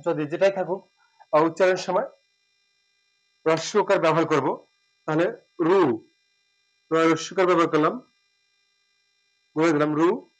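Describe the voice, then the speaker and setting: High-voiced man teaching pronunciation slowly. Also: poor audio. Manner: slow, drawn-out repetition of words and sounds, with hesitant fillers. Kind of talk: spoken pronunciation lesson.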